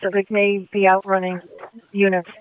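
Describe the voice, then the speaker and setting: A man's voice: sits high, monotone, moderate pace, a little hiss or hum. A man dispatching over police radio, repeating back each report in short clipped phrases. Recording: tinny police radio transmission.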